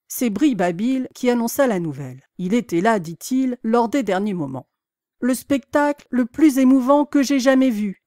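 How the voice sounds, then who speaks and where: A woman narrating a classic novel as an audiobook in a measured, dramatic storytelling manner. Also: fairly high pitch, darkish tone, dry recording, clean studio sound. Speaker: audiobook reader.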